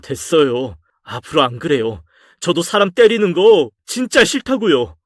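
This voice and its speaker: A man's voice: on the high side, very animated, normal speed, no echo, clean studio sound, voice pushed up. A man playing a defiant young son. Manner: sulky and pleading, voice raised. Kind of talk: audio drama story reading.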